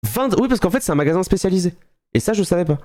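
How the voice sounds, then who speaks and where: A man's voice: sits high, very fast. Young french guy on stream telling a funny story, slangy, laughs a lot, voice jumps all over. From France. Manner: animated, slangy, acts out quotes, laughs often. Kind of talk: casual storytelling on a live stream.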